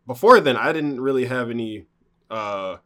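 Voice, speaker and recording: Man, casual storyteller, mid-pitched, loose and rambling with fillers. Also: animated, normal speed, pushed and bright. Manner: rambling, with many fillers and restarts. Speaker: guest telling a personal story.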